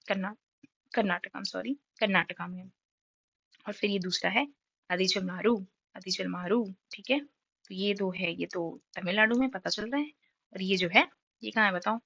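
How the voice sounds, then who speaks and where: A woman's voice: medium pitch, fairly bright tone, no room sound, lo-fi sound. Woman teacher, sore-throated. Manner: quizzes students and answers herself in their voice; repeats key facts with frequent "ठीक है?". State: sore throat, clears it often. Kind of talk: exam-prep map lesson.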